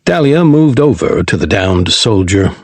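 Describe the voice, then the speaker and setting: Husky male audiobook narrator. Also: on the low side, very animated, a little slow, dry recording.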